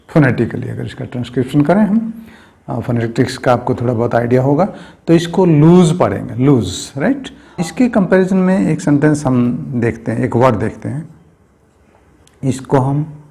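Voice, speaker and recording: Gravelly-voiced male English teacher. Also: medium pitch, a little mellow. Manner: slow, explanatory, often asks "right?". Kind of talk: classroom grammar lesson.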